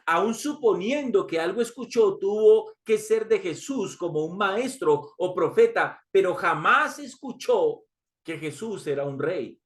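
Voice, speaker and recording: A man's voice: high voice, lively intonation, unhurried. A man preaching a sermon, reading scripture aloud and repeating key lines for emphasis, calling his listeners brothers.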